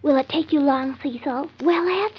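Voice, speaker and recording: An actress playing a prim, nervous, stubbornly clinging wife, fretful and earnest, in old-time radio comedy style. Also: female voice, high-pitched, normal speed, lightly acted. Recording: dull, lo-fi old radio recording.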